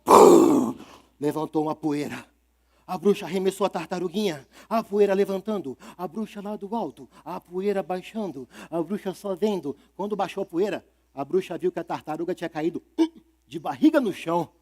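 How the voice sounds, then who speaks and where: A man with a Brazilian Portuguese accent telling a story live at a literary fair, animated and playful, asking the audience questions. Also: sits high, a little fast.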